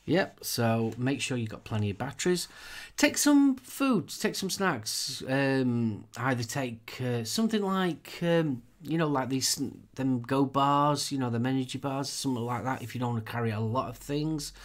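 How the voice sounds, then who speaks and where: A man's voice: medium pitch, lively intonation, moderate pace, hardly any pauses. A man, co-hosting a casual podcast chat, chatty and laughing often as he gives practical advice. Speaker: co-host.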